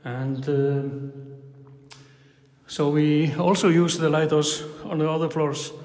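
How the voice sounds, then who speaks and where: A man, speaking halting, relaxed English as a lighthouse guide, heard with a metallic flutter echo off the bare tower walls. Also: on the high side. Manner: relaxed, halting non-native English with fillers. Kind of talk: casual interview answers. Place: inside a tall, narrow lighthouse tower. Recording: ringing echo in a tall tower.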